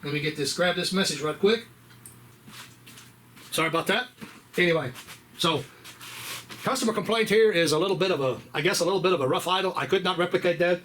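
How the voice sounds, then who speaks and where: Mechanic, man, higher-than-usual voice, easygoing rambling shop talk, faint shop noise. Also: fairly quick, long pauses. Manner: relaxed, rambling, many fillers and restarts. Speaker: auto mechanic. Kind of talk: casual how-to repair walkthrough. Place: auto repair shop. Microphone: camera on a tripod.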